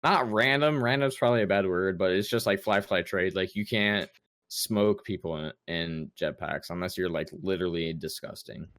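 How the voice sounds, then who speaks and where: A man's voice: sits low, moderate pace, a bit bright, no echo. A young man in casual chat on a gaming podcast, rambling with lots of fillers and restarts. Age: young adult. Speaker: podcast co-host.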